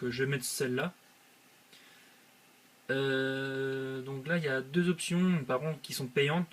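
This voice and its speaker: A young man talks through a screen-recorded tutorial in a mid-range voice, hesitating often and filling gaps with drawn-out filler sounds. He speaks into a desk mic by his computer, and a faint hiss sits under his voice. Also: mid-range voice, fairly bright tone. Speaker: channel host.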